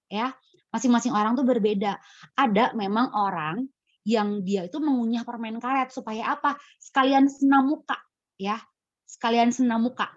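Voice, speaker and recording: A woman giving public speaking advice in a webinar Q&A, lively and playfully acting out example voices. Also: on the high side, no echo, muffled recording. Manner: lively, acts out quotes with expressive voices.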